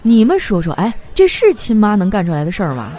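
A woman telling comic stories in a lively, animated way, laughing through her punchlines. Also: medium pitch, fast talker, a little hiss or hum. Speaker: comedy monologue performer. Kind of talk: stand-up style comic storytelling.

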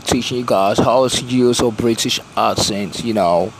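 A man with a Tanzanian accent giving a casual podcast introduction in a halting, laid-back, slangy way. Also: medium pitch, low-quality recording. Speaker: podcast host. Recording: clear steady background noise.

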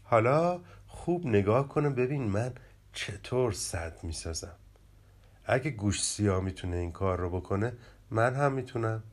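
A man voicing an eager young rabbit child in a children's storybook, in a lively reading voice. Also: on the low side, pitched below the performer's own voice. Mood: frustrated.

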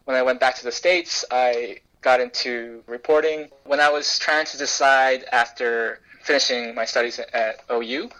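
Young male journalist, raised in the US, relaxed interview answers, thoughtful, plenty of fillers. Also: mid-range voice, poor audio. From South Korea, raised in the US. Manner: thoughtful, frequent fillers and restarts. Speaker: journalist guest.

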